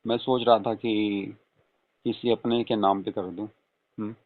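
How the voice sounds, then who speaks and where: A man with a lowish, fairly flat voice speaks a little slowly, lightly acting as a flirtatious, coaxing father-in-law in an intimate, casual phone-call role-play. He murmurs persuasively and adds questioning hums, and the call recording sounds tinny.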